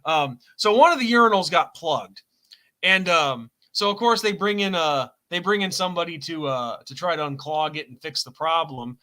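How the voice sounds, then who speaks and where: Male co-host, high and bright-toned, rambling, self-correcting storyteller for a casual chat show. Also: animated, moderate pace, rough recording.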